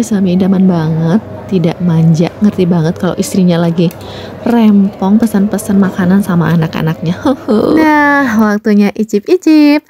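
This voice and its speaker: Chatty mum vlogger with a mellow voice. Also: female voice, mid-range voice. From Indonesia. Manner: chatty, playful, talks to fellow mothers. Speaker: vlogger and homemaker. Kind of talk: casual vlog voice-over.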